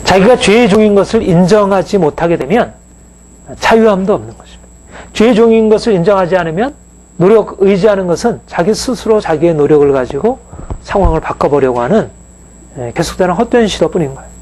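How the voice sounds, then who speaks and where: A man's voice: high-pitched, lively intonation, fairly quick, a little mellow, slight background noise, rough recording. A male pastor giving a conversational sermon, with frequent fillers and rhetorical questions to the congregation.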